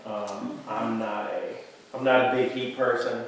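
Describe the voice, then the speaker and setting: A man's voice: mid-range voice, flat delivery, unhurried, noisy background. A middle-aged man casually hosting a family podcast. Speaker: host, father. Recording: very echoey room, distant mic.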